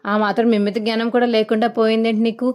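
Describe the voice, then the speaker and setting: A woman voicing a brash young man who shouts and taunts his family. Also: fairly high pitch, level tone, quick pace, clean tone, close to an everyday voice. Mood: combative. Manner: loud, taunting.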